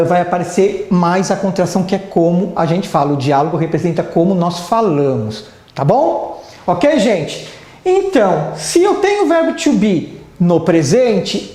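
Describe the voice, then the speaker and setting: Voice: medium pitch, warm tone. A Brazilian teacher giving a live online English lesson who keeps checking in with the class. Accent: Brazilian Portuguese. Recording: roomy echo.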